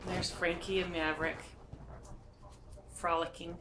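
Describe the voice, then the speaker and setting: A woman filming her puppies at home, chatting casually to the camera and slipping into high, sing-song baby talk with the dogs. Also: little pitch movement, a little slow, heavy background noise. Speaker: dog breeder. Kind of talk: casual vlog talking to puppies. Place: home puppy room, indoors.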